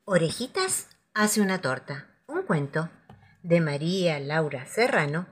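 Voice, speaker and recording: A woman narrating children's stories aloud in an expressive, animated reading. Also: fairly low pitch, slight background noise. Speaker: storyteller.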